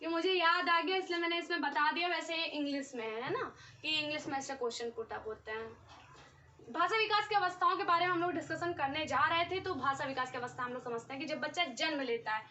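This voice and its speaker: A woman's voice: high voice, a little fast, bright, forceful tone, slight background noise. A young woman teaching an exam-prep lesson, explaining step by step and checking in often with the class. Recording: dull, slightly distant recording.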